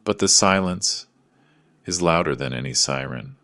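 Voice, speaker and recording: A man reading a dramatic first-person story in a measured, somber way. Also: low voice, sharp tone, smooth, no echo, clean studio sound. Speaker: narrator.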